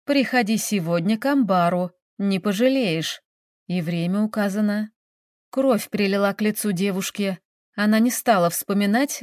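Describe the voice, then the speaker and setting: Expressive woman reading a story. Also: medium pitch, no echo, clean studio sound. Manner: expressive reading, voices characters lightly. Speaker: narrator. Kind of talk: scripted narration of a village story.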